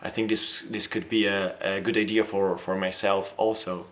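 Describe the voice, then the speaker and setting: An Italian language teacher and polyglot in his thirties talks casually to camera with an Italian accent, hesitating with many fillers and restarts. His low voice is flat at normal speed, with slight background noise.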